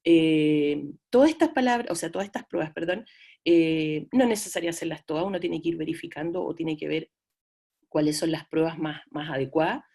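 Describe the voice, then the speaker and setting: A woman with a Chilean accent gives a lecture in a friendly, conversational way. Her voice sits a touch low for a woman. She is middle-aged and fills her explanations with small hesitations and asides to her students. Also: fairly quick, vocal fry, warm tone, husky. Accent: Chilean Spanish. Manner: chatty, addresses students as "chiquillos", frequent fillers. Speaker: lecturer in audiology. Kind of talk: online class lecture.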